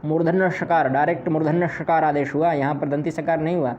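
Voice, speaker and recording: A man's voice: on the high side, level tone, brisk, darkish tone. A man teaching Sanskrit grammar, explaining patiently step by step and repeating his examples. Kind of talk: explanatory lesson. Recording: slightly dull lo-fi audio with faint noise.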